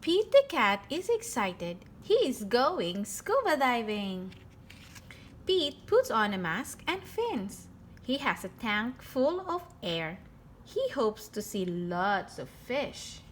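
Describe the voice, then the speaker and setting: A woman reading a picture book aloud to young children in an expressive style, with theatrical emphasis on key words. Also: fairly high pitch, takes it slowly, slight background noise. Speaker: children's storybook reader.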